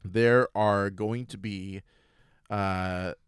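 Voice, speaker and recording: A male host of a gaming radio show who chats casually, laughs easily and gets animated. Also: on the low side, drawn-out words, clean tone.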